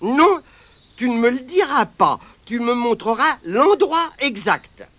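A woman's voice: a little high, very animated, slow, a bit bright, voice pushed up, full character voice. A woman voicing a cocky, stubborn young Irish boy who taunts and orders about in a raised voice. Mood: bossy. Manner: bossy and taunting, raises his voice.

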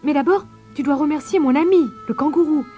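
Une femme jouant une petite fille enthousiaste. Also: female voice, high-pitched, brisk, dark tone, soft background music, voice pushed up, lightly acted. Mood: eager. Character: brave, animal-loving little girl.

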